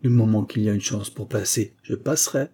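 A man's voice: fairly low pitch, steady tone, a little fast, dark tone, husky. A man voicing a bold, determined young Frenchman who speaks firmly and resolutely in a read-aloud story. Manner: firm and resolute.

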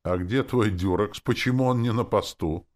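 A man voicing a stately, grumbling male druid who speaks in a booming way in an audiobook. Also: moderate pace, darkish tone, lightly acted.

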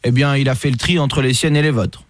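A man's voice: mid-range voice, fairly even intonation, brisk, dry recording, voice pushed down, natural voice. A man playing a bossy, hot-tempered police commissioner in a prank phone call, barking orders and threatening. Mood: stern. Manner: barks orders, shouts and threatens. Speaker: prank caller, radio host.

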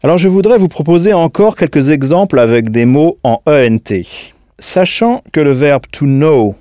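A man gives a recorded audio language lesson in a calm, patient way. He spells out words letter by letter and pauses to prompt the listener. His voice is mellow and dark, recorded dry and close in a studio. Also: medium pitch, dry recording. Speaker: language teacher.

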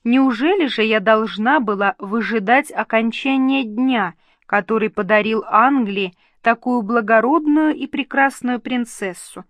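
A woman's voice: fairly high pitch, a little slow, dry recording, highs cut off, natural voice. A woman voicing a gracious, dignified and tender queen in an audiobook reading. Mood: gently chiding. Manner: warm, reassuring.

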